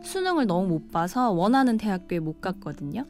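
A woman's voice: mid-range voice, big pitch swings, brisk, a little mellow, faint music behind. A woman in her thirties, a tourist train attendant, answering an interview in an earnest, reflective way.

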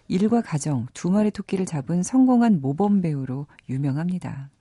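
The host of a radio program on movies, a woman in her thirties from South Korea, mixes scripted narration with chatty remarks while sitting close to a studio microphone. She has a low-pitched, warm voice with a breathy edge, and the recording is dry.

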